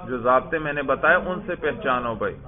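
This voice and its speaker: A man teaching Arabic grammar to a student, asking questions and slowly repeating the correct answers. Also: medium pitch. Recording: tinny phone-like lo-fi audio.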